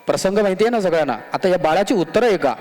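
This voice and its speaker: A man's voice: high voice, expressive, very fast. A man giving a devotional storytelling sermon in a temple hall, speaking dramatically and addressing the listeners directly. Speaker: religious discourse speaker. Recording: long hall echo with soft music behind.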